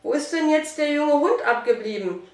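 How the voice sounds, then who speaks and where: A woman's voice: sits high, expressive, moderate pace, voice pushed up. An eager young boy calls out in a raised, breathless voice, played by a woman reading aloud. The room echoes around the distant mic. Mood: urgent.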